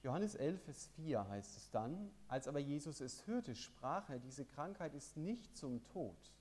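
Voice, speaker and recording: Male preacher, fairly high voice, very animated delivery, emphatic sermon style. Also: a little slow. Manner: lively, emphatic preaching, reading scripture aloud.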